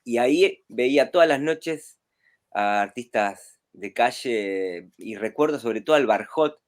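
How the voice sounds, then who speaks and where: Over a video call, a guest who works as a street clown, an adult man from Rosario, Argentina, rambles in a relaxed, casual manner and laughs softly a lot. His mid-range voice moves a little slowly.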